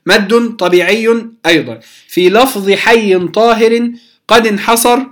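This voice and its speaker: A woman teaching a Quran recitation lesson, speaking deliberately and repeating letter sounds slowly to demonstrate them to her students. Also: medium pitch. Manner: addresses students directly, checks understanding. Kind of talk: tajweed lesson explaining a poem.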